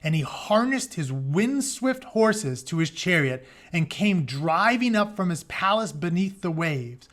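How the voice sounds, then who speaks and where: In an unhurried but very animated delivery with hardly any pauses, a man with a high, fairly bright voice reads an epic retelling as a teacher would. He moves between theatrical reading and loose, everyday paraphrase.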